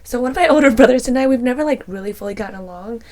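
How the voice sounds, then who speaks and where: Soft-spoken young woman, reflective co-host. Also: on the high side, expressive, very fast, a crowd in the background. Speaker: podcast co-host. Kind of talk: casual chat.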